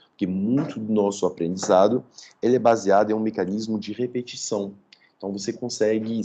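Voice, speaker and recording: A man with a lowish, mellow voice gives an online lecture from his home as a professor, with a bit of hiss or hum in the recording. He explains things step by step in a teaching manner, checking in with listeners by asking "tá?", while a dog can be heard nearby.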